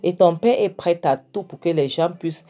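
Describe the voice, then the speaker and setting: A woman voicing a stern mother earnestly advising her daughter in a retold film, in a low dark voice. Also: normal speed, lightly acted. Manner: earnest, insistent advice.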